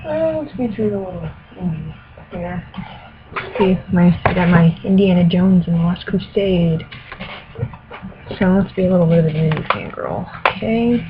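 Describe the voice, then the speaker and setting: A woman with a lowish, animated voice talks at a normal pace, casual and hesitant as she thinks aloud while answering questions and reading aloud for an accent challenge. The audio sounds tinny and phone-like, with background noise and a radio playing music behind her.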